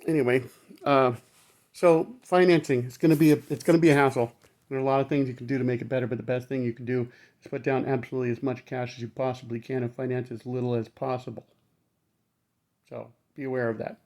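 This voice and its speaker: A man's voice: mid-range voice, level tone, quick pace, darkish tone. A man talking casually to camera in a blunt, rambling way, swearing freely, his speech numb-mouthed after dental surgery.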